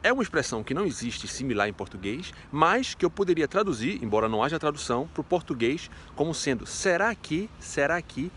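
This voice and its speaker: A man's voice: a little high, very animated, a little fast, hardly any pauses, a bit bright, a little hiss or hum. A man teaching a casual video lesson in a chatty, playful way, asking himself rhetorical questions. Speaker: French teacher.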